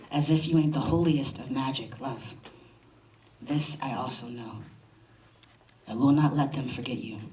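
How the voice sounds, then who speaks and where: In a college event room, a poet with a medium-pitched, slightly mellow voice performs spoken-word pieces built on rhythmic, emphatic repetition, chatting loosely between poems. The recording is echoey, with a distant mic and faint hiss.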